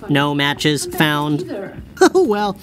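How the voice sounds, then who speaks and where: A woman's voice: deep voice, sing-song, very slow, a crowd in the background, heavily acted. A woman voicing a perky female AI detective device, sing-song and upbeat, in video game dialogue. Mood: chirpy.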